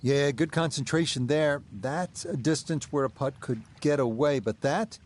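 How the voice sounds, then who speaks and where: A man giving live golf television commentary as lead announcer, in measured, clipped play-by-play calls. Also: fairly high pitch. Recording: steady outdoor ambience noise behind.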